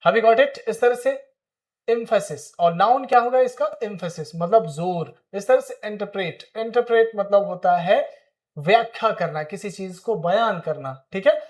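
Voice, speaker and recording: High-voiced Indian English teacher. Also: male voice, a little slow. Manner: explains words in Hindi, checks in with "ठीक है?". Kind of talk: spoken English lesson.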